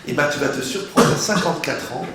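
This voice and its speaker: A man giving a lively, humorous sermon, asking rhetorical questions and playing on words. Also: a little high, fairly quick. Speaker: rabbi giving a Torah lesson. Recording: very echoey room, faint background noise.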